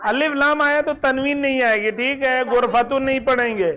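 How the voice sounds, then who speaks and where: A teacher giving a classroom lesson, asking the students questions and slowly repeating each word for them. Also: sits high, a loud crowd. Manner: quizzes students, slowly drills words. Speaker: Arabic teacher.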